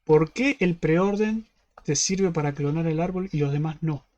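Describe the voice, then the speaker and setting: A man with a fairly high voice and a Rioplatense Spanish accent, walking students through a problem in an online class. He goes step by step and keeps asking whether they follow. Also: normal speed, darkish tone, highs cut off. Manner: step-by-step, constantly checking in with "¿sí?". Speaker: university teaching assistant.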